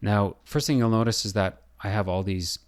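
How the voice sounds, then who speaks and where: A man talks through a software design tutorial, his voice hoarse, scratchy and fading. A building designer by trade, he speaks on the low side and reasons aloud with lots of pauses and fillers.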